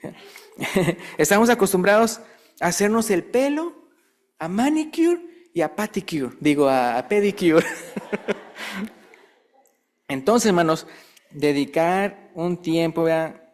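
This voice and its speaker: A man's voice: very animated, slow pace, long pauses. A man preaching a sermon in a conversational way, asking the congregation questions and acting out quoted voices. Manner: acts out quoted voices with rising pitch.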